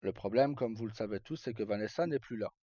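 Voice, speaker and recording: This streamer speaks quickly with a dark, lowish voice, rambling and hesitating as he chats with live viewers in colloquial language and swears now and then. The audio comes from a dull lo-fi microphone in a room with echo.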